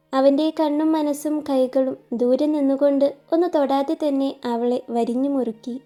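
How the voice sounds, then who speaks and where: A woman narrating a scripted love story in a gentle, even reading voice. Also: high-pitched.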